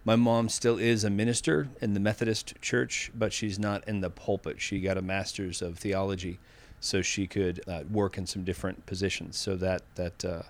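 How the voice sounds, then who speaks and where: Reflective lower-voiced man in his fifties. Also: level tone, moderate pace, hardly any pauses. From Massachusetts, USA. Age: 50s. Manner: reflective, candid, with frequent restarts. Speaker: podcast guest. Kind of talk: casual interview conversation.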